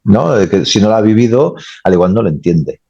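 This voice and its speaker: A man's voice: lowish voice, lively intonation, fairly quick, vocal fry, warm tone, husky, dry recording, lo-fi sound. A man, a naval engineer, answering interview questions casually and rambling, often adding tag questions.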